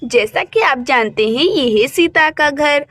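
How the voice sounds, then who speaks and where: A woman's voice: high voice, lively intonation, unhurried, a bit bright, dry recording. A woman narrating a doll cartoon story in a friendly way, speaking to viewers, with a dry close sound.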